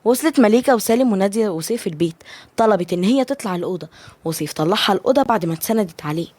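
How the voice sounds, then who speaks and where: Fast Egyptian woman storyteller. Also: medium pitch, lively intonation, darkish tone, no room sound. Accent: Egyptian Arabic. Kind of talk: read romance story narration.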